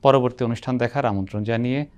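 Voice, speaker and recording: A man hosting a TV language program, speaking in formal, measured, polished phrasing as he asks questions and closes the episode. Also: mid-range voice, steady tone, darkish tone, clean tone. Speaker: program host.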